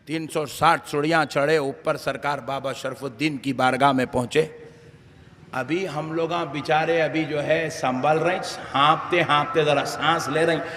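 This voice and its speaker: Brief: male preacher, bright high gravelly voice, teasing sermon with shouted peaks, long hall reverb. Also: fairly even intonation, a little slow. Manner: colloquial, teasing, rising to shouts.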